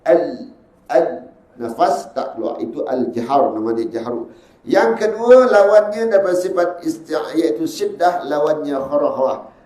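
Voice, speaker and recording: A Malaysian-accented man teaches Quran recitation in a fairly high voice. He stretches each example verse out slowly, then explains it quickly. An echoey room rings around him. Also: expressive, warm tone. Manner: chants drawn-out verses to demonstrate, then explains briskly. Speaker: religious teacher.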